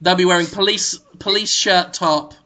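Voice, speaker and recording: A man co-hosting a comedy podcast, laying out a ridiculous plan in a deadpan, mock-serious way, with plenty of ums and uhs. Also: sits high, normal speed. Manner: frequent filler ums and uhs. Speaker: podcast co-host.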